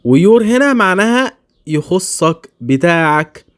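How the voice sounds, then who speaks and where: A man with an Egyptian Arabic accent teaching a beginner English lesson, saying each English word slowly and twice for learners. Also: sits high, very animated, a bit bright.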